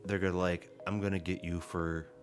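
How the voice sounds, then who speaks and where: A man with a very low voice rants in a loose, profane podcast chat. He tells his grievances as long stories. Faint music plays underneath. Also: flat delivery, a little fast. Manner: profane, ranting storyteller. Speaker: podcast co-host. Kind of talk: casual chat.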